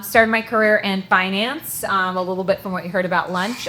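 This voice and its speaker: Woman ceo from ukraine, 30s, lowish voice, upbeat panel talk w/ jokes, faint background hum. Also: bright, forceful tone. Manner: upbeat, joking asides, frequent "um". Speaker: company CEO on a conference panel.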